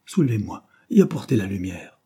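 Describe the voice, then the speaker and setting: A man's voice: fairly low pitch, sing-song, a little fast, mellow, husky, full character voice. A man voicing a dying old man who gives solemn, urgent orders from his deathbed, in an audiobook reading. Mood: agitated.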